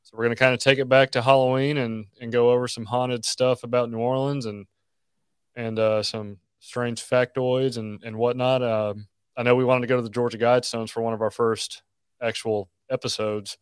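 A man's voice: mid-range voice, flat delivery, normal speed, clean tone, no echo. A man hosting a podcast, chatting casually and announcing upcoming episodes. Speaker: podcast host. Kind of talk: casual chat.

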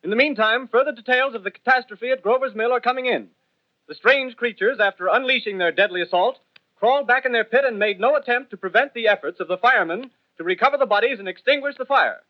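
A man's voice: extremely high pitch, fast talker, no echo, muffled recording. A man playing a grave radio news announcer, reading formal bulletins in an old 1930s newsreel manner. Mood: urgent, formal. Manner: formal, clipped, solemn bulletin delivery.

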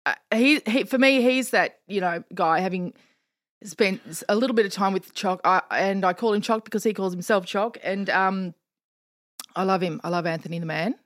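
A woman's voice: medium pitch, moderate pace, no room sound. An Australian woman chatting casually as a podcast guest, telling stories with lots of laughter. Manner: animated storyteller, laughs often. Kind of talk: casual chat. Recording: dry studio sound.

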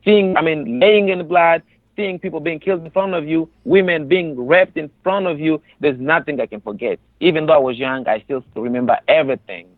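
A resettled refugee, raised in a Tanzanian camp after being born in the Democratic Republic of the Congo, recounts his experiences in an interview. He talks a little fast in a fairly high voice, with a Congolese accent, earnest, emphatic and full of repeated phrases. It sounds narrow, like a phone, with no echo.

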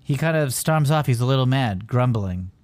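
A man's voice: mid-range voice, animated, normal speed, darkish tone. A man co-hosting a podcast, chatting casually and wryly about a comic book. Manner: chatty, wry, loose with fillers. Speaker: podcast co-host.

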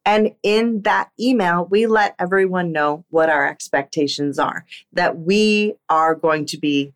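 Bubbly woman, casual podcast co-host, bright and chatty. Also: fairly low pitch, unhurried. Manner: bubbly, laughing often. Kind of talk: casual chat.

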